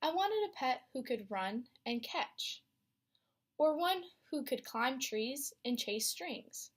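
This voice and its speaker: This young female student teacher reads slowly in a high voice, sharing a picture book with her class. Her storytelling is expressive, and she asks the children questions along the way.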